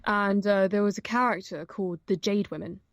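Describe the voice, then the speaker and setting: A woman's voice: mid-range voice, steady tone, fairly quick, dry recording. A young woman, an audiobook narrator, chatting casually as an interview guest, with many fillers and restarts. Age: young adult.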